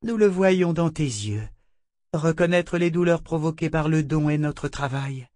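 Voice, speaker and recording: A male narrator putting on a high, stern sister of a magic order, grave and insistent. She speaks with cool authority in a dry, close storybook reading, her pitch lifted well above the reader's own. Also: a little slow, darkish tone, dry recording, close to an everyday voice. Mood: grave insistence.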